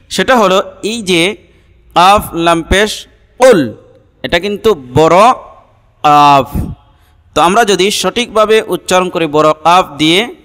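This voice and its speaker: A Bangladeshi man teaching correct Quran pronunciation, explaining slowly and deliberately and drawing out the Arabic sounds. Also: sits high, a bit bright, clean tone, big-room sound. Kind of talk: Quran pronunciation lesson with chanted recitation.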